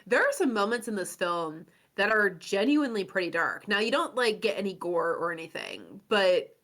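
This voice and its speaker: A woman co-hosting a casual movie podcast, talking in a thoughtful, analytical way that gets animated when she is excited. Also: medium pitch, moderate pace. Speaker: podcast co-host.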